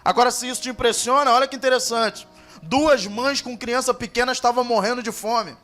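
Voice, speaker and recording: A male pastor from Brazil preaching at a church service, telling a story dramatically and swinging from hushed asides to loud, impassioned calls. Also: very high-pitched, fairly even intonation, a little fast, soft background music.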